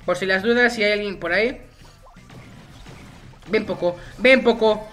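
A man's voice: sits high, unhurried, pushed and bright, faint music behind. A young man, a gaming YouTuber, giving casual gameplay commentary in a jokey, rambling way and getting easily frustrated.

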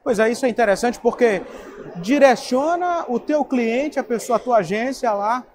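A man's voice: very high voice, animated, moderate pace, slight background noise. A young man, interviewing a guest at a trade fair booth on a lapel mic. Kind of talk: event interview.

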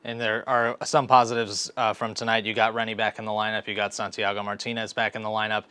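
A young man hosting a post-game interview for a college sports network in a brisk broadcaster manner. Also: lowish voice, little pitch movement, pushed and bright, clean tone, dry recording. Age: young adult. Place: indoor press backdrop. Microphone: clip-on lapel mic.

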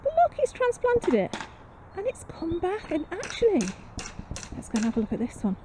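Very high-pitched yet dark in tone, her voice swings hugely in pitch at a normal pace. A British gardening vlogger, she chats her way through a casual, meandering, self-mocking tour of an allotment and greenhouse, recorded outdoors on a handheld camera's built-in mic with lots of background noise.

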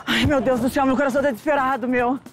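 A woman's voice: high voice, fairly even intonation, rapid-fire, over music. A woman in a street prank acting as a desperate mother who lost her baby, pleading breathlessly and overdramatically outdoors. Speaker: prank actress playing a frantic mother. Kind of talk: hidden-camera prank acting. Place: outdoors in a busy public square.

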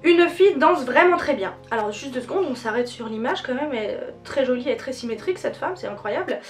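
High-pitched playful French woman vlogger. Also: lively intonation, a little fast, soft background music. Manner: playful, self-mocking, chatty with filler words. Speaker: dance channel host. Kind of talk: casual vlog chat.

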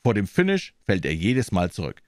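A man's voice: low-pitched, wildly swooping pitch, moderate pace, dry recording, clean studio sound. A man doing a blunt, scornful stable hand. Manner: blunt, contemptuous.

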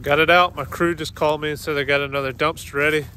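A man in his thirties with a relaxed, folksy manner, vlogging casually about his work while standing outdoors at a job site, filmed on a phone held at arm's length. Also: fairly high pitch, fast talker. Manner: relaxed, folksy, says y'all. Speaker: vlogger running dumpster rentals and a tree service. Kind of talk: casual vlog narration. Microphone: phone camera held at arm's length. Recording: outdoor phone audio with faint background noise.

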